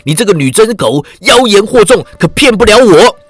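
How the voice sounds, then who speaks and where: A man voicing a hot-blooded young swordsman hero who speaks loudly and sternly, often furious, in a wuxia story. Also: high-pitched, very animated, moderate pace, no room sound, voice pushed up. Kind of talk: wuxia audiobook character voice.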